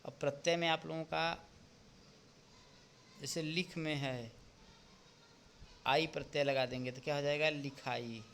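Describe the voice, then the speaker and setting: A male teacher going through an exam paper step by step, often pausing to check with "ठीक?". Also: on the high side, steady tone, vocal fry, fairly bright tone, a little hiss or hum. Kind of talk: exam paper walkthrough lesson.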